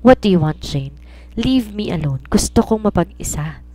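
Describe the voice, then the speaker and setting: A woman's voice: on the low side, expressive, normal speed, no echo. A woman voicing an angry, drunk young man who coldly pushes a woman away in an audio romance story. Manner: cold, cutting, shouting.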